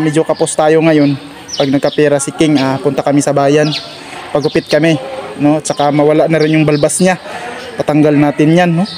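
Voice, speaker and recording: High-voiced man coaxing gently on a walk. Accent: Agusan del Sur Filipino. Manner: coaxing, repetitive, gently encouraging a companion. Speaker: vlogger host. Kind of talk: casual walking vlog. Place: outdoors on a street and court.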